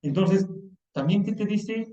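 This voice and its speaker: A man with a Mexican accent preaching a sermon in a colloquial, animated way, acting out the quoted lines. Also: sits high, unhurried. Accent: Mexican Spanish. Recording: echoey, distant, dull lo-fi sound.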